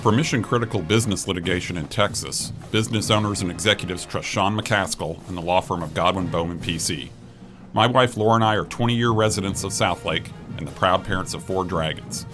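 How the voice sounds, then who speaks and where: A man's voice: low-pitched, brisk, over music. A middle-aged man reading a scripted advertisement for his own professional firm. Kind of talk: scripted ad read.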